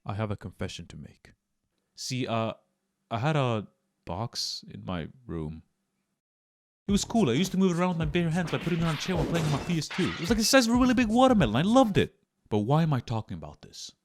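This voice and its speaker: Quick and sing-song, with a voice on the higher side, this man hosts a comedic scripted YouTube video essay. Clear music plays under his melodramatic, mock-serious narration, which erupts now and then into emphatic bursts.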